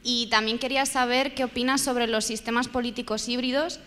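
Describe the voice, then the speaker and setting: A woman in the audience asking a question, nervous, rushed and halting. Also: on the high side, fairly even intonation, fairly bright tone, slight background noise. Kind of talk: question from the floor. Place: large lecture hall. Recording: reverberant hall.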